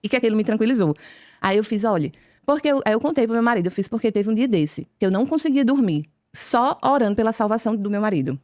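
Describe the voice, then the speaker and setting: A woman with a Brazilian accent tells her conversion testimony at a quick clip, her voice pitched a little high. She acts out each exchange of dialogue in a lively way. The recording is dry and close, with no room sound. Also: dry recording. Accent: Brazilian Portuguese. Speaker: podcast guest. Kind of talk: conversion testimony told as a story.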